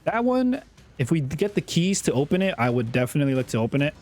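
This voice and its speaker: A young man giving casual, chatty commentary over his own gameplay, often repeating himself and getting excited. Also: on the high side, fast talker, soft background music. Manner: chatty, self-talking, repeats words, excitable. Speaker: gaming YouTuber.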